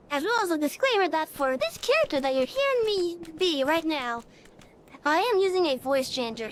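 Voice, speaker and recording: A woman streamer chats casually and rambles, using lots of fillers, while an AI voice changer alters her voice. It comes out high, with slight background noise.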